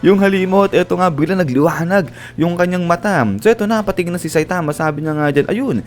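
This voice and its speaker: A man's voice: high-pitched, fast talker. Chuckling man retelling an anime. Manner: chuckles often while retelling. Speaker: anime recap narrator. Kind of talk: casual anime recap narration.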